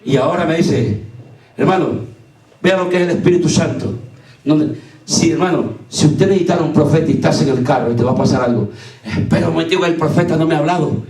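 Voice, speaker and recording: A man preaching a fervent sermon as pastor, often shouting as he tells personal stories. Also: on the high side, fast. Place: church sanctuary. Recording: echoey church from far off.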